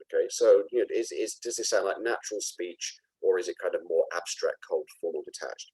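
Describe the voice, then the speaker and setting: A man with a Cockney accent presenting a product demo in a halting, casual way, with many restarts and fillers. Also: low voice, warm tone, slightly rough, low-quality recording.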